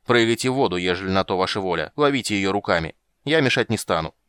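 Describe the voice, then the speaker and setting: A man voicing a stubborn, gruff sea captain who talks back defiantly. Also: sits low, lively intonation, fast, fairly bright tone, dry recording, clean studio sound.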